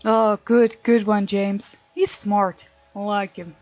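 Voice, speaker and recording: A woman plays through a visual novel on her let's play, voicing the on-screen text and commenting on it. She speaks slowly with a flat delivery, her medium-pitched voice a little mellow, and the recording is dry and dull from a lo-fi mic, with game music underneath.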